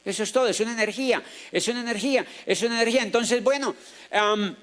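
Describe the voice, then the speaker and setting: A Colombian man with a fairly high voice tells a story to a live audience in an auditorium. He talks as a motivational speaker, playful and animated, acting out the people in his story and joking with the crowd. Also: fast talker. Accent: Colombian Spanish.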